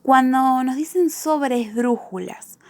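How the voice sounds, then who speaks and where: A woman teacher giving a spelling lesson to children, repeating each example word slowly and carefully. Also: high-pitched, darkish tone, dry recording.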